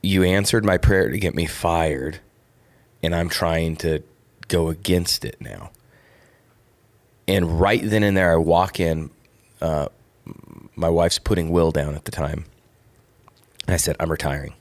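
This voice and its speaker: A man's voice: sits low, steady tone, measured pace, pauses often. A middle-aged man, a former football player co-hosting a podcast, earnestly telling a personal story in casual chat.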